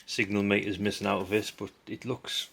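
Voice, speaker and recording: A middle-aged hobby video host talks over heavy background noise in a lowish, flat voice with vocal fry, at normal speed. Sorting old parts, he gives rambling, blunt, chatty commentary without a script, mixing in mild swearing and tag questions.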